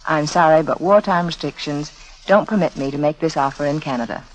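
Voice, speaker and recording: On a poor-quality 1940s radio recording, a woman's low-pitched voice moves a little fast. She's the sponsor's spokeswoman and beauty adviser, confiding in listeners as she persuasively reads a scripted beauty advertisement.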